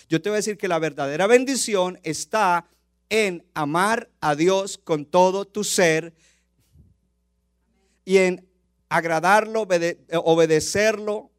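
A man's voice: high voice, clean tone, dry recording, clean studio sound. A man preaching a sermon as pastor, passionate, building intensity and acting out quoted lines.

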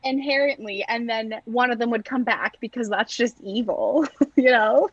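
A woman's voice: fairly high pitch, normal speed, husky, dry recording, muffled recording. A young woman chatting casually on a podcast, playful and giggly. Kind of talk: casual chat.

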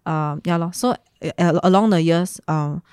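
A Singaporean woman talking casually and reflectively in Singlish, with lah and leh particles, in a halting, searching way. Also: on the low side, a little mellow, clean tone, dry recording, clean studio sound. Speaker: guest sharing personal story.

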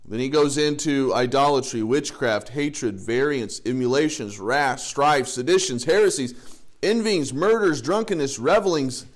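A man's voice: mid-range voice, a little slow. A male pastor preaching a sermon in a conversational way, with joking asides and lists read with rising emphasis.

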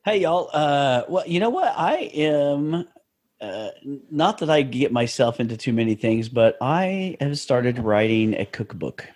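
A man's voice: mid-range voice, expressive, a little slow, a little mellow. Upbeat male podcast co-host. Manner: upbeat, playful, laughs often. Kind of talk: casual podcast chat.

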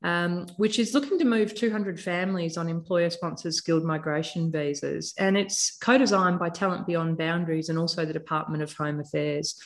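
Female podcast host, lowish voice, warm teasing manner. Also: steady tone, moderate pace, few pauses. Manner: friendly, playful teasing. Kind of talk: podcast interview.

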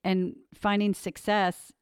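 A woman speaking casually and thoughtfully as a parent about supporting her son, with some halting restarts. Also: medium pitch, little pitch movement, clean tone, no echo, clean studio sound. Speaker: mother of a child actor. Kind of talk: casual conversation.

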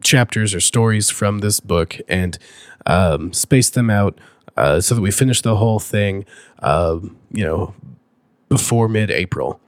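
Hoarse male podcast host, voice nearly gone. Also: lowish voice, unhurried, no echo, studio quality. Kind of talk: casual podcast chat.

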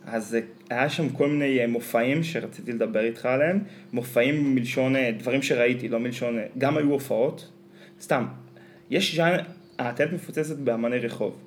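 Man, Israeli accent, casual podcast chat, medium pitch, faint ambient noise. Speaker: podcast co-host.

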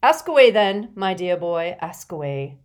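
A woman voicing a jovial, portly older male potions teacher with a hearty, booming manner. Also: very animated, unhurried.

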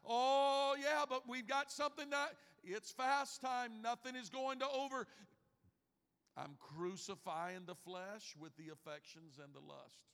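A man in his fifties preaches with a notably high voice, dropping to a near hush and then rising to emphatic bursts. His words ring out with a long reverb tail from the church hall. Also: measured pace, creaky, clear, resonant tone. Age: 50s. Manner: preaching with big swings in loudness, from hushed to shouting. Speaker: pastor. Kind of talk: sermon. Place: church sanctuary.

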